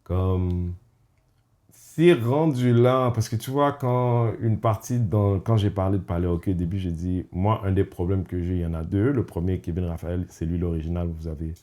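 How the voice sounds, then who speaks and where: This host's voice is low, warm and mellow as he talks informally on a podcast. He comes across as reflective, pausing and restarting often, and he mixes English phrases into his talk.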